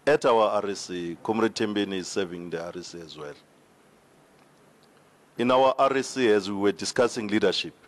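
South african guy on a panel, low voice, real slow and careful, handheld mic in a big hall. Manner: slow, measured, formal with hesitations. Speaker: regional party official on a panel. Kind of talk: town hall debate answer. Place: large indoor hall with seated audience. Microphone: handheld microphone.

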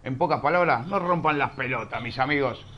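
In a muffled recording, a mid-range, brisk-talking man with a Rioplatense Spanish accent provides live commentary on an online shooter tournament. He banters with his chat, teasing and scolding them in playful slang.

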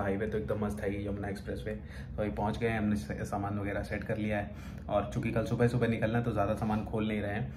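A man in his thirties, chatting upbeat as he films a road-trip vlog on a phone held at arm's length. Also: on the low side. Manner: chatty, upbeat tour-guide talk. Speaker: vlogger. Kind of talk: casual travel vlog narration. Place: outdoors at highway rest stop, car, hotel room. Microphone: phone camera at arm's length. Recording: loud road and outdoor noise.

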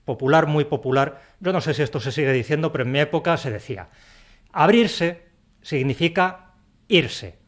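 A man from Spain with a Spanish accent, hosting a scripted language lesson, spelling words out slowly and dropping in playful, theatrical sighs. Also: fairly high pitch, animated. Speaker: language teacher and channel host. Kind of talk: scripted explanatory video lesson.

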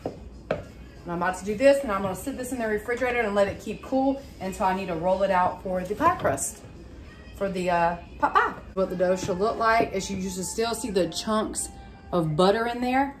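A woman home cooking vlogger gives casual, folksy narration as she cooks along indoors in her home kitchen. Her mid-range voice has lively intonation at normal speed, with soft background music and clearly recorded frying sizzle and kitchen noise.

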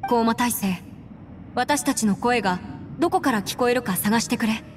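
Voicing a composed, resolute young adventurer in a Japanese anime game, a woman speaks in an articulate, slightly formal and earnest way, sounding urgent. Her voice is a little high and close to everyday, at a moderate pace, with long reverb and music behind.

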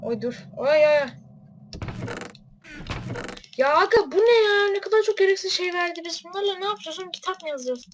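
A high-pitched woman chatting through a horror game as a let's player. She is excitable and jokey and swears casually, with a faint hiss of noise under her voice. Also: a little fast, long pauses, low-quality recording. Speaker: let's play gamer. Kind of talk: casual gaming commentary.

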